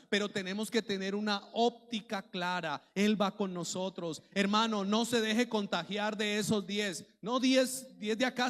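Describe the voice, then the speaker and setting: A man preaching as a pastor, in a lively way that acts out the worries of church members. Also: high voice. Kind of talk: sermon. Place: church hall. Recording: long hall reverb.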